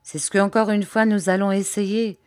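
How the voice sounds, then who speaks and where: A woman's voice: medium pitch, flat delivery, normal speed, dry recording, studio quality, close to an everyday voice. A woman reading aloud voices an anxious, earnest male scientist explaining a danger in an audiobook. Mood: grave, urgent.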